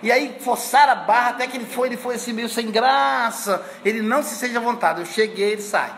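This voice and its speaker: Brief: male teacher, 50s, fairly high pitch, chatty storyteller, faint noise behind. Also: brisk, creaky, fairly bright tone. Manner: chatty storyteller, frequent tag questions. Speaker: course teacher. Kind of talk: conversational lecture with anecdotes.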